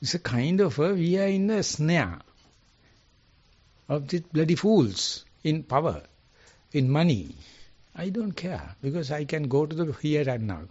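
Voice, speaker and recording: A man with a Sri Lankan accent, a Buddhist monk giving an informal dharma talk in an earnest, halting way, often pausing to search for words. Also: on the high side, sing-song, a little mellow, breathy edge, highs cut off.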